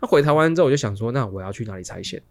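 A man, co-hosting a podcast and telling a rambling, animated story full of restarts. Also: medium pitch, racing. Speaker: podcast co-host. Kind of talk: casual storytelling chat.

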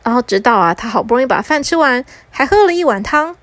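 A woman narrating a bedtime story for children in a gentle, lilting way. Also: sits high, expressive, no echo. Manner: gentle, lilting with drawn-out particles.

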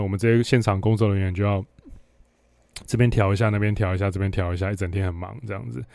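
This man hosts a podcast and, with a Taiwanese Mandarin accent, delivers a casual, blunt, sarcastic monologue about something from work. His voice is on the low side and a little mellow, with no echo.

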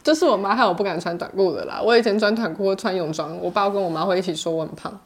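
Fast-talking teasing woman podcaster. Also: mid-range voice. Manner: teasing, laughs often. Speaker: podcast co-host. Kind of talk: casual chat.

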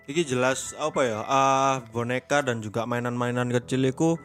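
A man's voice: medium pitch, steady tone, normal speed, a bit bright, soft background music. A man with an East Javanese accent co-hosting a podcast, chiming in with short agreements and jokes. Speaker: podcast co-host. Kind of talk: casual podcast chat.

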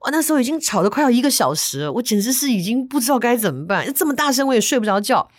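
A woman podcast host, telling a story in lively chat, acting out sounds. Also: a little high, racing, no echo, clean studio sound. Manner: animated, acts out sounds and voices.

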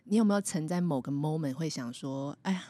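Female podcast host, low voice, calm probing interviewer, drops English words into her Mandarin. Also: fairly quick, no room sound. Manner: reflective, gently probing questions, mixes in English words. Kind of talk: casual interview chat.

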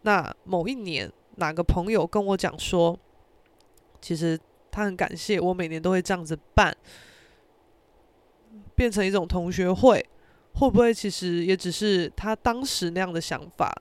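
A young woman with a Taiwanese Mandarin accent, hosting a podcast and telling a story in casual talk, acting out her friends' lines in a high, excited voice. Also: normal speed, no room sound. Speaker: podcast host.

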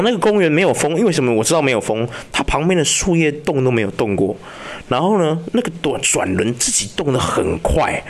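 A man, hosting a podcast and telling ghost stories in casual, profane chat, often asking whether the listener follows. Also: medium pitch. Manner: animated and profane, keeps asking "you know?". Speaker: podcast host.

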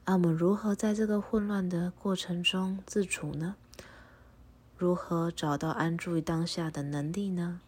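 A woman guiding a meditation in a low, soft voice that slips into a breathy half-whisper. Her tone is unusually smooth and rounded. She speaks slowly and calmly, giving instructions step by step. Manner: slow, calm, instructive. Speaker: meditation guide. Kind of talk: guided meditation and prayer.

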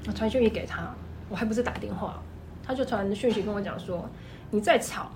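A woman with a Taiwanese Mandarin accent, a clothing shop owner telling stories in an animated, emphatic way. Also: medium pitch, background noise. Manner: animated, fast-talking, emphatic. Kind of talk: casual storytelling chat.

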